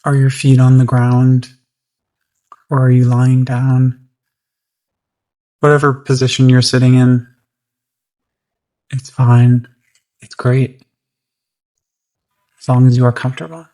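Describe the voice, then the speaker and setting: A meditation guide speaks gently and soothingly at mid pitch, with a very flat delivery. The pace is unhurried, leaving roomy gaps between phrases.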